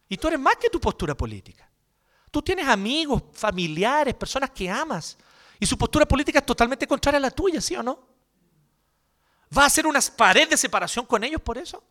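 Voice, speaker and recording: A man with a Chilean accent, a pastor preaching a sermon in an animated, joking, colloquial way. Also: very high-pitched.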